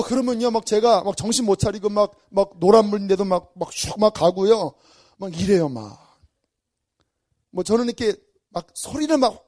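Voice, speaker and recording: A man's voice: high-pitched, mellow. A male pastor preaching an early-morning sermon, telling stories animatedly and acting out his own inner reactions.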